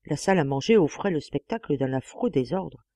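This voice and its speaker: A woman narrating a classic novel as an audiobook, with a measured, expressive reading on a close mic. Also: deep voice, no room sound. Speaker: audiobook reader.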